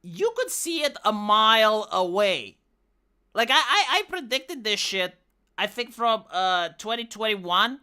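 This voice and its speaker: Speaking unhurriedly in a smooth, sharp, mid-range voice with lively intonation, this Romanian-accented woman streamer delivers ranting commentary full of profanity and restarts. English isn't her native language.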